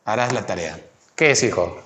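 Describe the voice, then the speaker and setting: A man's voice: lowish voice, expressive, normal speed, fairly bright tone, slight background noise. A man tutoring a student through logic exercises, patient and coaxing, asking many questions. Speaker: math tutor. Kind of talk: teaching logic exercises one-on-one.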